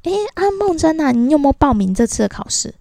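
A woman voicing a nosy older male coworker who pries with drawn-out questions. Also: high-pitched, lively intonation, creaky, mellow, no room sound, clean studio sound, pitched above the performer's own voice. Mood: prying.

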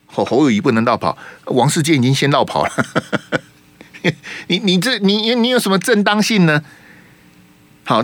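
A man's voice: medium pitch, no echo. A man with a Taiwanese Mandarin accent hosting a radio talk show, giving emphatic political commentary full of rhetorical questions into a studio mic.

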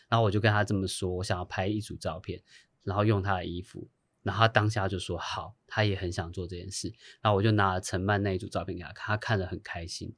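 Animated low-voiced man telling a story. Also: dry recording. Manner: animated, acts out quoted voices, laughs often. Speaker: guest; hairstylist. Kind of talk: casual storytelling chat.

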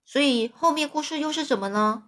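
A woman narrating a children's story in a lively, animated way. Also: high voice, brisk. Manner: lively, with frequent fillers and restarts.

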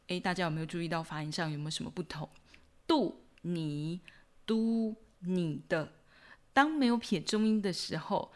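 Patient woman teaching pronunciation, lowish voice. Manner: patient, repeats each sound slowly for learners. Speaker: Spanish teacher and podcast host. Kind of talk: podcast language lesson.

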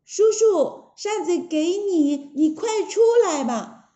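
A woman voicing a proud, easily frightened fairy princess in a told story, shrill and wailing. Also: animated, takes it slowly, mellow, reverberant, full character voice.

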